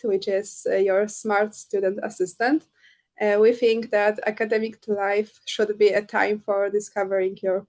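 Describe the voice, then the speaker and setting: Young woman presenting a student project. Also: medium pitch. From Poland. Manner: reads a prepared script with fillers. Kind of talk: prepared presentation. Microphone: video call.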